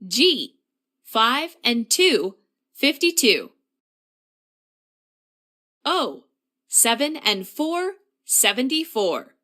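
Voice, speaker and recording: A woman working as a bingo caller, announcing numbers in set phrases with a deliberate, formulaic delivery. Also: fairly high pitch, sing-song, sharp tone.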